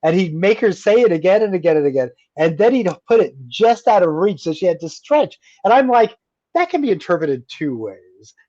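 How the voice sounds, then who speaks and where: A man talks as a guest author on a radio show, his voice sitting a little high for a man. He tells his stories animatedly and slips into the voices of the people he quotes. The sound is very dry and somewhat muffled and lo-fi. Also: big pitch swings, brisk, a little mellow, no room sound. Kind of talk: radio interview conversation.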